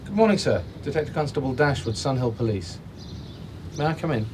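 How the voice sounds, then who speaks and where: An actor playing a polite, persistent police detective in a 1990s British TV drama. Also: male voice, medium pitch, big pitch swings, a little fast, noisy background, lightly acted. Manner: polite, probing questions. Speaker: detective constable.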